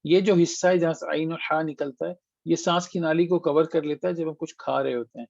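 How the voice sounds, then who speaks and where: In an online tajweed lesson answering students, a man patiently explains Quran recitation step by step, demonstrating sounds and mixing in English phrases. His voice is fairly high with fairly even intonation, vocal fry and a darkish tone, and the call audio is dull and dry with no room sound.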